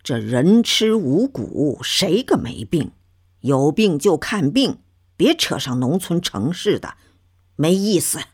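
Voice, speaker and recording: A woman's voice: sits low, big pitch swings, slow pace, a little mellow, slightly rough, full character voice. A woman voicing a stubborn old grandmother from the countryside who answers back with blunt, folksy retorts. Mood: lecturing.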